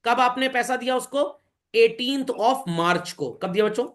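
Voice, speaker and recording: A man's voice: very high voice, moderate pace, a bit bright. A man teaching accounts to a class, asking questions and answering them himself as he explains. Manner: questions students and answers himself, mixing Hindi and English; calls listeners bhai and children. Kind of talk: classroom lecture.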